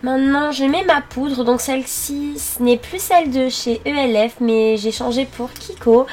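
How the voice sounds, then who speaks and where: A young woman narrating her makeup routine step by step, pausing often with fillers as she works. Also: high-pitched, a little mellow, faint music behind. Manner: halting, many fillers while working. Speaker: beauty vlogger. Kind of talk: makeup tutorial voice-over.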